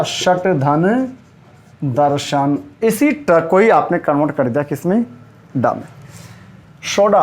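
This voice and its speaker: A man teaching Hindi spelling to exam students at a whiteboard. He asks his own questions, answers them, and repeats each word slowly so it sticks. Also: high-pitched. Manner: calls listeners "sir" and "buddy" in a friendly way.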